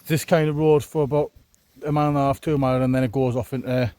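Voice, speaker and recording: A hiking vlogger speaks casually to the camera at a quick pace, his mid-range voice warm and steady with no echo. His tone is laid-back and wry, and he's out on a wet, windy trail, recorded amid wind and noise while walking.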